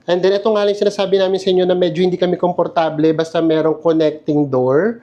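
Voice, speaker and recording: A man's voice: sits high, level tone, quick pace, warm tone. A man giving a casual, chatty tour of a hotel room, laughing often and making playful asides. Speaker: travel vlogger.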